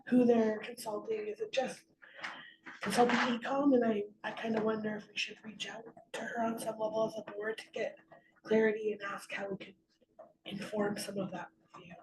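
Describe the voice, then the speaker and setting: A woman on a board speaks tentatively in a meeting, her voice worn and fading. She is far from the microphone, with a clear hum of background noise. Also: fairly high pitch, level tone, fairly quick, reverberant. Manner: tentative, wondering aloud. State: losing her voice. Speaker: board member. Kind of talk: meeting discussion. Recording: distant mic with background hum.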